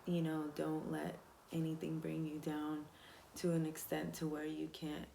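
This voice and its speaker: A woman hosting her own channel, reading a daily devotional aloud and then reflecting casually, soft-spoken and hesitant with many pauses. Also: low voice, monotone, vocal fry, a little hiss or hum.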